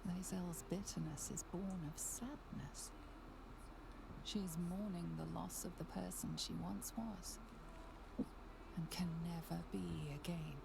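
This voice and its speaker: An actress playing a solemn, knowing narrator of a fantasy video game, with a measured, intimate, dramatic delivery. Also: female voice, fairly low pitch, fairly even intonation, gravelly, background noise, heavily acted.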